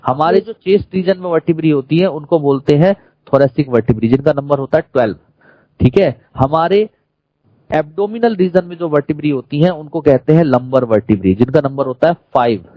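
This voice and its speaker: A man's voice: on the high side, animated, a little fast, no room sound, dull audio. Male teacher lecturing in an Indian accent. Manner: questions the class and repeats key terms. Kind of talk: classroom lecture.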